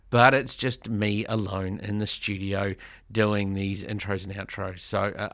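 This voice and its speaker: Low-voiced man hosting a podcast. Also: a bit bright, dry recording, studio quality. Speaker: podcast host, charity director. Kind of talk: podcast intro. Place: studio.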